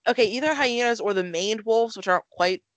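Bubbly high-voiced woman hosting a chat. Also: brisk, no echo, low-quality recording. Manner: gushing and enthusiastic, laughs often. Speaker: podcast host. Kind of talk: casual chat.

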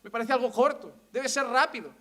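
A man with a Spain Spanish accent preaching a sermon as pastor, emphatic and animated, full of rhetorical questions. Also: extremely high pitch, a little fast.

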